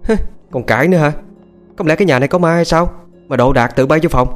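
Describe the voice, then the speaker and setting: Man doing bossy young woman, sharp, scolding, high, quick. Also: faint music behind, natural voice.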